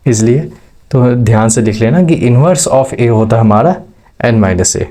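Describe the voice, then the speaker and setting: A man's voice: medium pitch, slow pace, dark tone. A man teaching maths step by step, checking in with his students as he explains. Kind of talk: classroom lecture.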